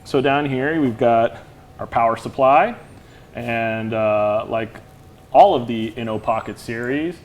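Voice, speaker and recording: A man explaining a lighting fixture in a casual demo chat, relaxed and rambling, with lots of "you know". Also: medium pitch, slow. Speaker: lighting product expert.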